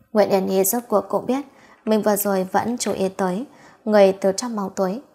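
A woman narrates a romance novel at a steady, even pace, her voice husky and a little breathy. The delivery is a plain, scripted audiobook reading. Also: mid-range voice.

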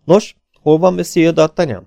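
A man's voice: a little high, steady tone, gravelly, dark tone, dry recording, voice pushed up. A man voicing a sly male villain baron who taunts his captives in a smug, raised voice. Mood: smug taunting.

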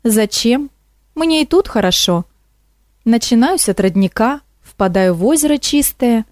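A woman's voice: fairly high pitch, animated, unhurried, darkish tone, no echo, clean studio sound. A woman voicing a wary, muttering female stream who murmurs and hesitates, in a storybook reading.

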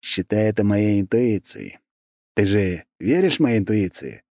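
A man's voice: fairly low pitch, sing-song, unhurried, creaky, a little mellow, dry recording, studio quality, exaggerated voice. A man doing a teasing cheeky brother. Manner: teasing, playful.

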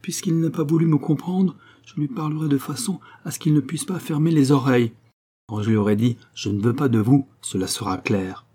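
A man's voice: on the low side, fairly quick, hardly any pauses, dark tone, close to an everyday voice. A man reading a storybook, voicing a passionate, headstrong young woman in love, pleading and exclamatory. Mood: indignant.

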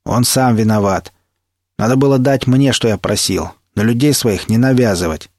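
A man voicing a menacing mercenary stalker with a slow, taunting drawl in an audiobook reading. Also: medium pitch, darkish tone, no echo, studio quality, natural voice. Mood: scornful. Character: menacing male mercenary stalker, sneering and cruel.

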